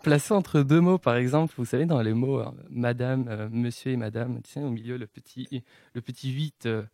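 A man hosting a casual morning radio show, playful and quick to laugh at his own slips. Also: medium pitch, vocal fry, mellow, no echo. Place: radio studio. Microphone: studio microphone.

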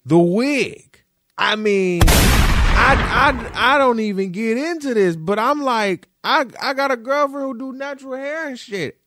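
Roasting people in a playful, slang-heavy, repetitive style, a male Detroit podcaster delivers solo commentary. His voice is very high and a bit bright, and he takes his time.

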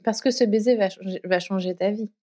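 A woman's voice: medium pitch, fairly even intonation, a little fast, warm tone, no room sound. Teasing woman host, dry close sound. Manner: teasing, playful follow-up questions. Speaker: podcast host. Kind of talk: casual interview.

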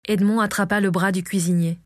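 A woman narrating a fantasy audiobook in a calm, measured storytelling manner. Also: medium pitch, dry recording, studio quality. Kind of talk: scripted narration of a fantasy novel.

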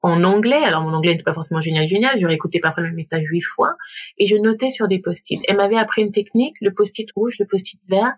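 A woman from Gabon, a coach and guest, tells her story in a casual interview, animated and slipping into quoted voices and English phrases. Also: mid-range voice, fast, husky. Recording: dull lo-fi remote recording.

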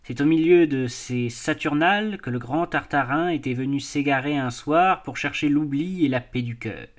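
A man narrating a classic novel as an audiobook, with a measured, expressive reading. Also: a little high. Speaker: audiobook reader. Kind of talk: scripted narration.

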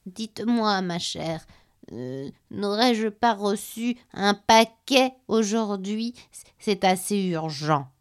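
A woman voicing a frail, gentle, very old man who is hard of hearing and speaks slowly and politely. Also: medium pitch, expressive, smooth.

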